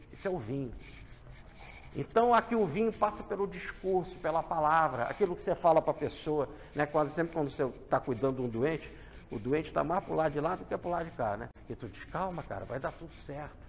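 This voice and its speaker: A man with a Brazilian Portuguese accent giving an emphatic, conversational talk on a biblical parable, moving between loud fervour and soft low asides. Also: lively intonation, brisk, vocal fry. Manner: conversational, often adds tag questions. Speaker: lecturer on the gospels. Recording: echoey hall.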